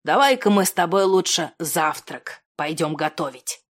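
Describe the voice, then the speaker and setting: A kindly old grandfather with a lowered, gentle voice, as a woman narrator puts him on. He speaks softly and reassuringly in an audiobook reading. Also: lively intonation, normal speed.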